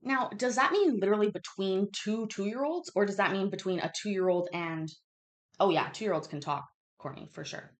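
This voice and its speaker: A woman in her thirties hosts a live online trivia chat, reading quiz questions aloud and chatting candidly on her casual livestream. Her medium-pitched voice moves at a moderate pace, and she swears and interrupts herself.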